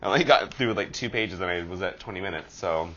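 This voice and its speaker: A man's voice: sits low, fast, fairly bright tone, dull audio. A man with a nasal voice hosting a casual horoscope vlog, chatty and rambling with a self-deprecating streak. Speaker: astrology vlogger.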